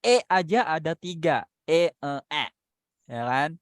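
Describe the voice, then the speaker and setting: A man's voice: a little high, very animated, unhurried, dry recording. A man with an Indonesian accent teaching an online English class, switching between Indonesian and English and drilling the alphabet at different speeds. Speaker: English speaking tutor. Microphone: video call.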